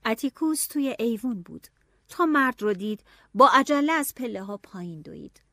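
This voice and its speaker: Female audiobook narrator, expressive, higher pitch, dry close sound. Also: vocal fry, no room sound. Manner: expressive, shifting to hushed whispers and anxious cries.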